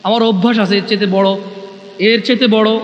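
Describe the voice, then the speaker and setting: A man preaching a sermon at a large gathering, loud and restless, speaking through a microphone. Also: sits high, fairly even intonation, normal speed, highs cut off. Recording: echoey hall with long reverb.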